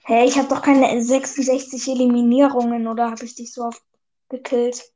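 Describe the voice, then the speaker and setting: Woman gamer, high voice, slangy and teasing, casual play-along chatter. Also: flat delivery, normal speed, mellow, slight background noise. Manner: slangy, teasing, laughs often. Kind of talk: casual gaming chat.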